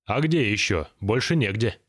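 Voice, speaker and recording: Мужчина озвучивает грубого раздражённого босса. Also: male voice, on the low side, animated, moderate pace. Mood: grim. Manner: blunt, coarse, impatient. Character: gruff irritable male businessman boss.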